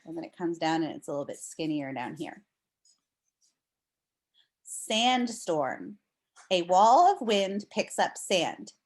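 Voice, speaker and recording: With a medium-pitched voice, an American woman teacher reads non-fiction to a group of young children. She explains the book in a deliberate way and addresses them directly.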